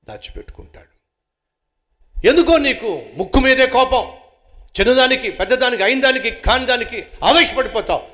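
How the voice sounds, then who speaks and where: A man preaching a sermon, emphatic, asking rhetorical questions and answering them himself, swinging between loud outbursts and hushed asides. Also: high-pitched.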